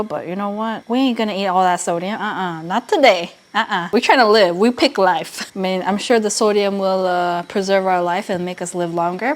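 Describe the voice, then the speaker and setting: Lady chatting on her cooking vlog, giggly n expressive, normal pitch, some noise behind her. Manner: expressive, giggly, switches into Korean phrases. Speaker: vlog host cooking on camera. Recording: noticeable background noise.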